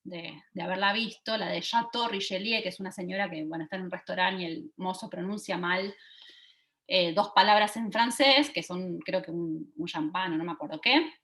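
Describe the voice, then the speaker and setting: A woman, giving an online teaching talk over a video call and often pausing to check that listeners are following. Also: fairly low pitch, fairly bright tone. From Argentina. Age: 40s. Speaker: lecturer.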